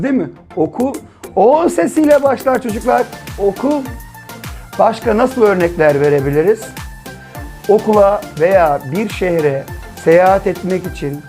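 A man's voice: high-pitched, darkish tone. A male primary school teacher giving a children's literacy lesson, patiently asking questions and answering them himself. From Turkey. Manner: patient, asks and answers his own questions.

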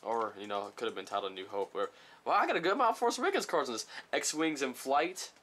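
A man chatting casually while unboxing trading cards, rambling and reading each card title aloud slowly, a little sick. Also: mid-range voice, big pitch swings, fairly bright tone, slight background noise. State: slightly sick. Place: small room at home.

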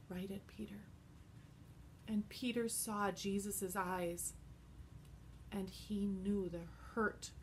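A woman telling a Bible story to children in a slow, expressive way. Her voice sits at an everyday middle pitch. Faint background hiss runs under the recording. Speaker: Bible teacher.

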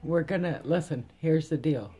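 A woman's voice: low voice, animated, moderate pace, mellow, slightly rough. Reassuring middle-aged mother, chatting casually. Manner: reassuring, coaxing, simple explanations. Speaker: parent looking after a patient. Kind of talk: casual chat. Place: small recovery room, indoors.

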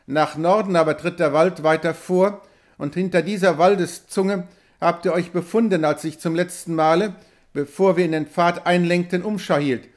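Ein Mann spricht einen kühlen, strengen Westmann. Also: male voice, high voice, fairly even intonation, moderate pace, natural voice. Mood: cold. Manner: cool, stern, curt. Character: cold, sharp-eyed frontier hero, man.

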